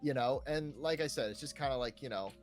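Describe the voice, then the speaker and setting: Brisk and medium-pitched, a man co-hosting a podcast on video games chats in a casual, rambling way. He keeps dropping in checking words and fillers like "like", "right" and "you know", with music in the background.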